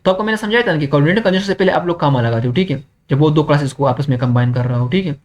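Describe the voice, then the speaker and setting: A young man, teaching an exam-prep grammar lesson, who keeps checking in with students and reads English examples slowly. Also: on the high side, lively intonation, darkish tone.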